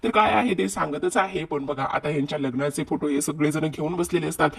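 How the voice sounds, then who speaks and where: Gravelly man chatting through a serial recap. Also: a little high, brisk, fairly bright tone, far from the mic. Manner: chatty, addresses the audience directly. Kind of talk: casual episode recap storytelling.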